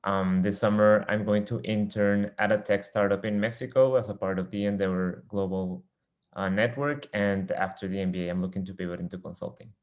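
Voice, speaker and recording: A man's voice: lowish voice, steady tone, a little fast, a little mellow. A man from Colombia, a first-year MBA student, introducing himself casually and concisely on a video call.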